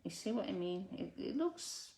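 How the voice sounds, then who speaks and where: A woman's voice: medium pitch, big pitch swings, normal speed, gravelly, mellow, slight background noise. A woman chatting her way through a card-making tutorial, self-deprecating and muttering to herself as she works. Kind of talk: casual crafting tutorial.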